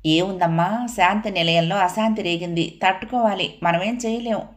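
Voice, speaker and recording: A woman reads a grave, weary elder brother in an audio novel, heavy and reproachful in tone. She keeps him at a plain middle pitch. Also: normal speed, natural voice.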